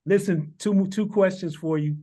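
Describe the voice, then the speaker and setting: A man with a fairly high voice hosts a relaxed chat. He asks easygoing questions and nods along out loud. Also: normal speed. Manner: easygoing, gives frequent short agreements. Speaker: interview host. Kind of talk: casual interview chat.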